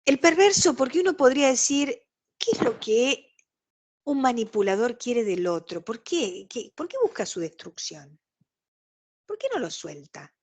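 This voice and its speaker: A woman's voice: a little high, very animated, a little slow, a little mellow, slightly rough. A woman with a Rioplatense Spanish accent, giving an explanatory online lecture over a video call and acting out quoted exchanges. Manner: explanatory, acts out quoted dialogue.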